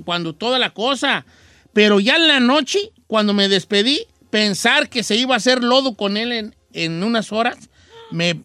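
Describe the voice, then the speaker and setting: A man playing a cranky, opinionated old Mexican grandpa who hosts a comic radio call-in show, in a high, reedy old-man voice with a Mexican accent. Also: sharp tone, no echo. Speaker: radio host.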